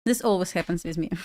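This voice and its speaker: On a live stream, a young woman from Belarus day trades while chatting casually, laughing often and talking to herself. Her voice sits on the low side with a darkish tone, and she speaks with the Russian accent of a native Russian speaker.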